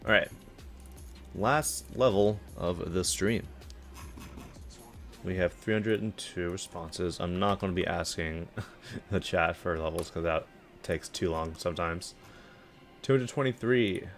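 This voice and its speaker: A young man with a low, deep voice chats offhand as a streamer, judging game levels with dry sarcasm and lots of ums and likes. Faint game music plays behind him, and keyboard typing is picked up by his desk mic. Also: measured pace, long pauses. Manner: relaxed, offhand, with filler words and dry sarcasm. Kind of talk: casual live-stream commentary.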